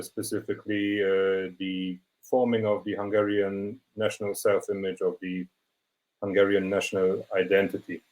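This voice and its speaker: Low-voiced man. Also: darkish tone, low-quality recording. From Germany. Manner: measured, explanatory. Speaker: photographer presenting his work. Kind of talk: online portfolio presentation.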